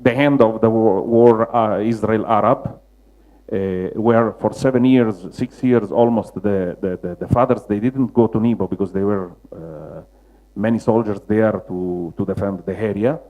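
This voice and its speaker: A man with a Roman Italian accent gives a public slide lecture, searching for words in halting non-native English. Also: fairly low pitch, dark tone, rough recording. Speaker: lecturer, mosaic restorer.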